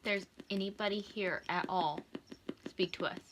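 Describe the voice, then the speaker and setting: A woman's voice: medium pitch, fairly even intonation, moderate pace, background noise. A woman on a casual ghost hunt in an indoor room, jumpy and creeped out, putting questions to spirits aloud. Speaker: amateur ghost hunter leading a spirit box session.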